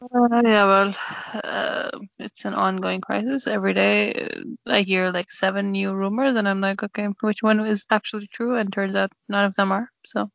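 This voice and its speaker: A young woman guests on her sister's podcast, chatting casually in a rambling, slightly self-conscious way. Her mid-range voice is fairly even and bright with vocal fry, moving at a moderate pace with hardly any pauses. The audio is dry, dull and lo-fi.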